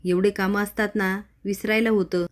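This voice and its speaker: A woman's voice: mid-range voice, flat delivery, normal speed, lightly acted. An evasive young husband coaxes and apologises to his wife, as a woman storyteller reads his lines. He is soothing but dodgy in this serial recap. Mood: coaxing.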